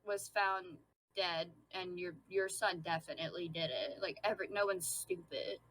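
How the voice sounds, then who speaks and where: A young woman chatting casually on a podcast, full of "like" and giggles, animated, on a faint mic that cuts out. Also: fairly low pitch, normal speed, slight background noise, poor audio. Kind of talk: casual chat. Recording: faint, cutting out from a weaker mic.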